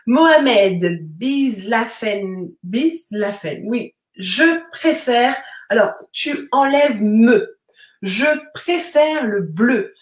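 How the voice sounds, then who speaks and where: Slow, patient woman teacher in a roomy echo. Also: fairly high pitch, expressive. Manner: patient, slow explanations with frequent fillers and tag questions. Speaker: French teacher. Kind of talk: live-streamed vocabulary lesson, reading viewer comments.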